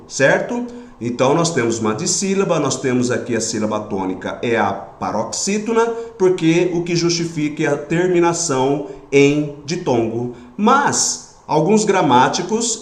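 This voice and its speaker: A man teaching a grammar lesson in Brazilian Portuguese, patient, pausing often to check that students follow. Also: fairly high pitch, reverberant.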